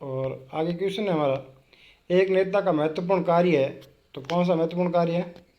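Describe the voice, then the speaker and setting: A man's voice: sits high, normal speed, dull audio. Hindi-speaking male tutor, quizzing himself. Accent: Rajasthani Hindi. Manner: reads questions, then asks and answers them himself. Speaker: teacher. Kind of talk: exam-prep quiz lesson.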